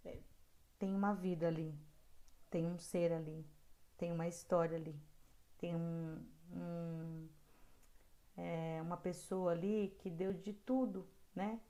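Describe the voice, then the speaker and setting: Lecturing caregivers from a set of guidelines, this middle-aged instructor is earnest and steady, often pausing to find her words and pressing hard on the points that matter to her. Her voice is mellow, rounded, and fairly low, and she breaks from the text for asides.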